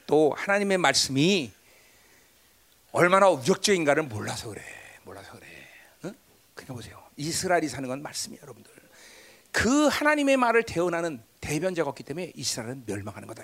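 A middle-aged man preaching a sermon as pastor. He fires rhetorical prompts at the congregation and swings between loud declarations and hushed asides. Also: sits high.

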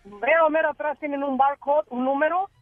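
A man's voice: very high-pitched, brisk, dry recording, faint music behind. A man co-hosting a radio show, telling a joke in a rambling, repetitive way. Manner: rambling joke-teller, repeats himself. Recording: tinny phone-like sound.

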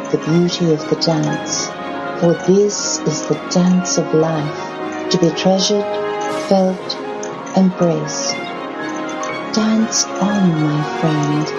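Slow, soothing woman guiding a meditation. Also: on the low side. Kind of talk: scripted guided meditation. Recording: muffled band-limited sound under clear music. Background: music.

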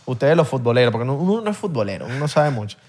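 A man's voice: mid-range voice, big pitch swings, very fast, darkish tone. A man with a Venezuelan accent co-hosting a casual podcast, easygoing and chiming in with agreement. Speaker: podcast co-host.

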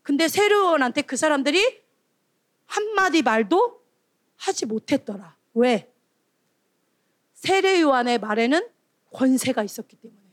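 This is a woman preaching to a youth retreat with a high, bright-pitched voice. She is animated, keeps calling out questions, and breaks into little acted-out scoldings. The sound is close and dry. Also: measured pace, long pauses, dry recording. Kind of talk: lively sermon to children and teens.

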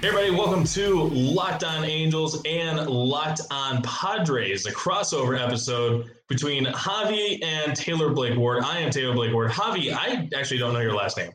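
A man hosting a casual sports podcast, relaxed and chatty, laughing often and wandering into asides. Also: fairly high pitch, normal speed, few pauses, roomy sound, faint music behind, rough recording. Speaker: podcast host.

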